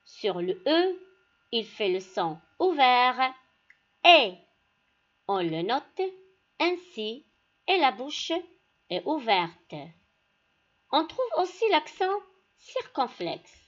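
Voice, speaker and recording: A woman teacher giving a classroom lesson, speaking deliberately and addressing her pupils directly. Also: sits high, big pitch swings, dull audio. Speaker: primary school teacher.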